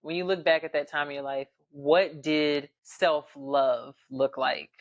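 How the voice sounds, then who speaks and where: A woman hosting a podcast interview, supportive and quick to affirm her guest. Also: low voice, fairly even intonation, no echo, muffled recording. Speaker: podcast host. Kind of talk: casual interview.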